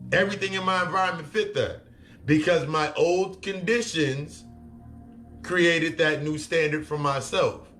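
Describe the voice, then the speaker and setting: A man's voice: fairly high pitch, a bit bright. A man giving a blunt, profane self-help talk as a spiritual coach, repeating his points for emphasis. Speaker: spiritual reader and life coach. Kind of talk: motivational self-help monologue.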